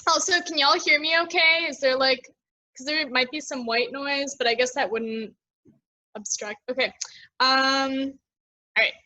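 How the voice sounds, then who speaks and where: High-voiced woman reading her poems. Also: fairly even intonation, unhurried, bright, forceful tone, low-quality recording. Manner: chatty and self-deprecating between poems. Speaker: open mic poet. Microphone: video call.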